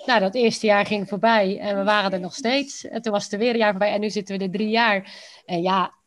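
A woman with a Rotterdam accent talks as an interview guest. Her pitch sits in the middle for a female voice. She phrases things informally and colloquially, in everyday conversational style. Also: fairly even intonation, fairly quick. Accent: Rotterdam Dutch. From Rotterdam, Netherlands. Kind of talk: casual conversational interview answers.

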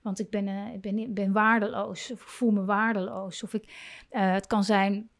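A woman hosting a parenting podcast, talking in a gentle, coaching way and often rephrasing herself mid-sentence. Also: mid-range voice, level tone, moderate pace, gravelly. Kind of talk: reflective solo podcast talk.

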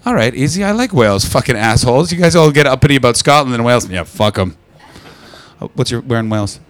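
A man doing stand-up crowd work, brash and profane, teasing the audience and breaking into loud shouts. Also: medium pitch, expressive, fast. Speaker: stand-up comedian. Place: London comedy club.

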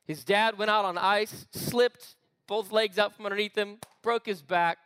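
A man preaching an energetic sermon to a youth group, chatty and full of asides. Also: high voice, smooth, dry recording. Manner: animated, conversational preaching with quick asides. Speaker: youth pastor. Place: church meeting room.

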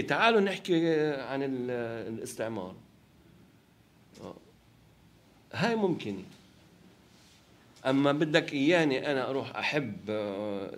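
Speaking in a mid-range voice, a male film director with a Palestinian Levantine Arabic accent reflects during an interview. He pauses to find the right words and makes sure his listener keeps up.

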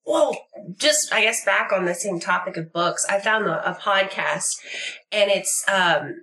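Bright, playful woman co-host. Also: mid-range voice, measured pace, low-quality recording. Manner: playful, rambling, laughs easily. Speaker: podcast co-host. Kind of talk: casual comedic banter.

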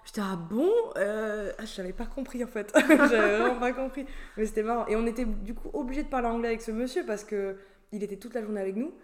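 A woman's voice: a little high, fast, a crowd in the background. Chatty French woman, laughing often. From France. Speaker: guest sharing travel stories. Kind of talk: casual conversation.

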